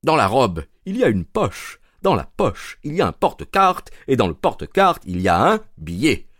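A man voicing a boastful middle-aged police inspector who talks indignantly and with a sharp tongue. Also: mid-range voice, huge pitch swings, moderate pace, dry recording, clean studio sound, pitched above the performer's own voice.

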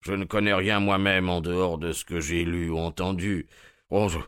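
A man's voice: low voice, flat delivery, fairly bright tone, smooth, no echo, studio quality. Man playing a subdued, grieving colonel. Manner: subdued, halting and restrained. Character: grieving middle-aged colonel, subdued, curt.

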